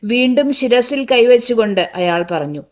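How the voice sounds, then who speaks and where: A woman narrating a literary novel as an audiobook, reading in a measured, solemn way. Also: a little high, animated, darkish tone, dull audio.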